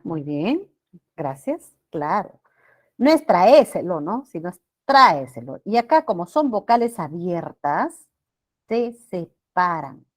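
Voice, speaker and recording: A woman teacher giving a grammar lesson to students, often checking in with them and drawing out words slowly for emphasis. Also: mid-range voice, a little mellow. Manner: addresses students with frequent checking questions.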